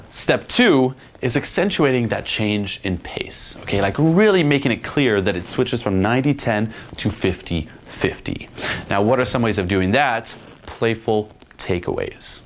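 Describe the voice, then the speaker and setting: A man teaching dating tactics in a slightly low voice. He talks bluntly and casually and swears freely. There is a faint hiss behind him. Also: expressive, a little slow. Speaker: dating coach. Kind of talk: instructional monologue.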